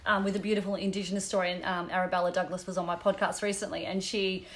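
A woman's voice: lowish voice, level tone, quick pace. A woman hosting a podcast in casual interview chat, chatty and laughing often, often finishing her guest's sentences. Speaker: podcast host. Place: room in northern New South Wales.

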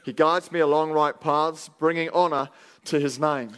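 A man's voice: on the high side, steady tone, clean tone. Emphatic man preaching a sermon. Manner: emphatic, pausing after each phrase. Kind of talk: sermon delivered in short phrases for live interpretation.

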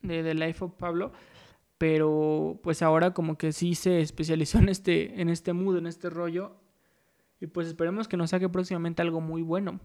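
A man's voice: on the high side, little pitch movement, moderate pace, darkish tone. A man hosting a casual solo podcast, rambling loosely with many fillers and restarts. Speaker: podcast host.

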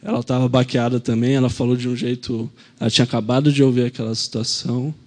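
A man's voice: medium pitch, little pitch movement, quick pace. A man, a pastor telling a personal story in a sermon in an earnest, reflective way.

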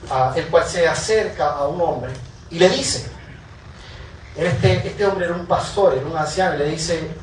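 Animated preacher man in an echoey hall. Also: on the high side, distant mic. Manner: animated, repeats phrases for emphasis. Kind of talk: sermon storytelling. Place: church hall. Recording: echoey room, voice from afar, faint ambient noise.

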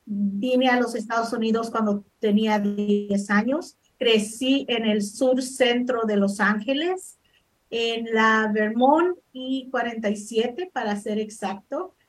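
A woman's voice: a little high, takes it slowly. A middle-aged woman from El Salvador, a life coach answering interview questions modestly, with frequent hesitations. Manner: modest, hesitant with many fillers.

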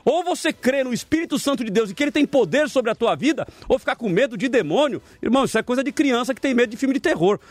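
High-voiced, fast-talking pastor host. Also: male voice, no echo. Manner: animated storyteller, emphatic and exhorting. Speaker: pastor and debate show host. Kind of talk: preaching-style talk show commentary.

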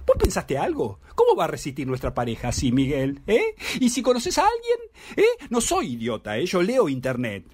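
A man's voice: fairly high pitch, wildly swooping pitch, moderate pace, a little mellow, husky, no echo, heavily acted. A man voicing a frantic middle-aged wife with an Argentine accent, pleading with and scolding her runaway husband, stammering at times. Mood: anxious, pleading. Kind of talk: dramatic reading of a theatre monologue.

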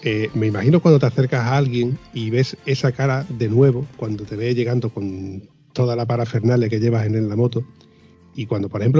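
A man's voice: mid-range voice, dark tone, husky, dull audio. A man co-hosting a casual chat, asking long rambling questions. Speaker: co-host.

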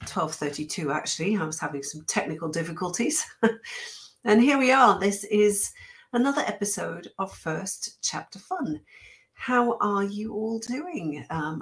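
A woman hosting a livestream, sick and a little squeaky-voiced, chatting casually with many fillers, restarts and small laughs. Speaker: host. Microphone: webcam or computer mic.

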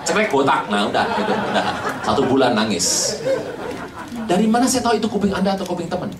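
Animated preacher in a roomy hall. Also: mid-range voice, fast talker, heavy background noise. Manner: animated, rhetorical questions to the congregation, jokes. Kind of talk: lively humorous sermon. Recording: roomy, from a distance.

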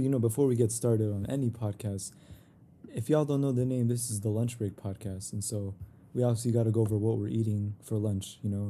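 A man's voice: lowish voice, mellow, slight background noise. A young man hosting a podcast in casual chat, laid-back and rambling, often saying "you know". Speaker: podcast host.

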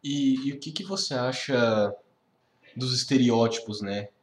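Halting male interviewer. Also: medium pitch. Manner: halting, rephrases his questions. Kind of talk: interview questions.

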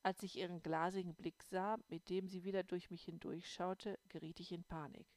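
A woman narrating a first-person audiobook in a calm storytelling manner. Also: lowish voice, moderate pace, dry recording. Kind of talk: scripted narration.

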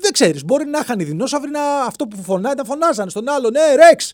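A man's voice: very high-pitched, lively intonation, dry recording. A man hosting a solo comedic podcast, rambling playfully from one bit to the next and slipping into silly voices, alone in a studio. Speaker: podcast host.

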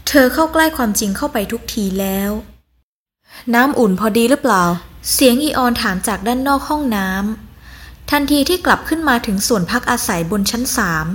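A woman narrating a fantasy novel in a measured, even storytelling voice. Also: on the high side. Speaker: audiobook narrator. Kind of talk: scripted narration.

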